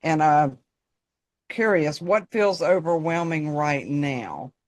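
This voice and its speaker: A woman's voice: low voice, lively intonation, takes it slowly, a little mellow. A woman with a North Carolina Southern accent, presenting informally as a coach and addressing listeners directly in a folksy way. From North Carolina, United States. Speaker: personal development coach, guest presenter.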